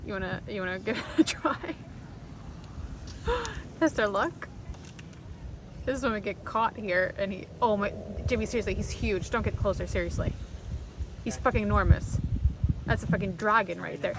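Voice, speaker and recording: A woman vlogging from a small boat on a swamp, excited and nervous, exclaiming, laughing and swearing now and then. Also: medium pitch, moderate pace, long pauses. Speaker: travel vlogger. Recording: outdoor recording with loud background noise.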